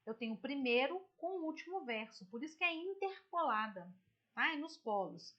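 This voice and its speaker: A Brazilian woman teacher with a high voice walks students through a poem on a shared screen. She talks in a chatty, explanatory way and keeps checking that everyone is following. The computer mic gives her voice a dull, lo-fi sound. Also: very animated, moderate pace, a bit bright. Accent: Brazilian Portuguese. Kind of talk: online literature lesson, screen-share explanation.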